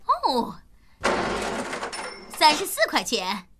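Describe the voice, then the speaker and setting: Dilys, a high, dramatic scolding cartoon mother. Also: huge pitch swings, extremely slow, background noise, exaggerated voice. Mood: brisk. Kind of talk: animated children's cartoon dub.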